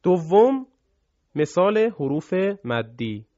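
Guy teaching quran reciting, talks fast then chants slow, bit high voice, muffled lo-fi sound. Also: very animated, warm tone, no echo. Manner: quick explanations, slow chanted examples. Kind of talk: recorded tajwid lesson with recited examples. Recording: dull lo-fi sound.

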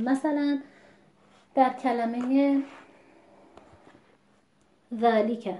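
A woman teaching Quran recitation in a measured, patient lesson, stopping to sound out words as examples. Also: a little high, dark tone. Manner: measured, patient, demonstrates pronunciations aloud. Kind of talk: explanatory lesson. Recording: echoey room.

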